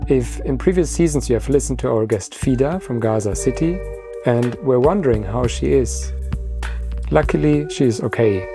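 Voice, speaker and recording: A man hosting a podcast, reading a measured, formal introduction and asking interview questions. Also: medium pitch, gravelly, music in the background. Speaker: podcast host.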